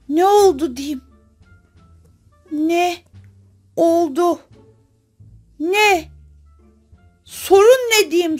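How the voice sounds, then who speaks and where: Woman, gaming host, very high voice, unhurried drawn-out delivery, theatrical, mock crying. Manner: dramatic, exclaiming, mock sobbing. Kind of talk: playful game commentary to viewers.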